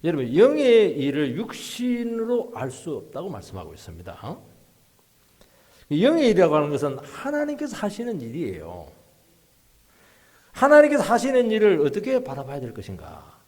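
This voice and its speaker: A male pastor preaching a sermon, swinging between hushed asides and loud, emphatic rises, in a church sanctuary. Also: fairly high pitch, wildly swooping pitch, moderate pace.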